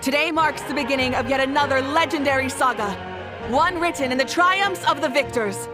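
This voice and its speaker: A woman plays a commanding female leader from a video game, with a fairly high voice. She speaks with warm, measured assurance, as one used to addressing followers. Music plays clearly behind her. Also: natural voice. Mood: rousing, solemn.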